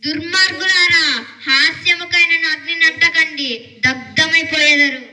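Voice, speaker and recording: A woman's voice: very high-pitched, steady tone, moderate pace, bright, forceful tone, heavily acted. Sneering Pharisee man, as a woman puts him on. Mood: mocking. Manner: sneering, mocking. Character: scornful male Pharisee mocking a healer. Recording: distant mic, music behind.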